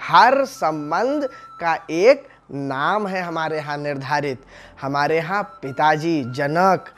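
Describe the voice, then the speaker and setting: Slow, earnest Hindi religious teacher. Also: male voice, a little high, lively intonation, a bit bright, faint music behind. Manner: explains Hindi sounds by voicing each syllable; addresses the audience as friends, asks rhetorical questions. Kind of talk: devotional discourse.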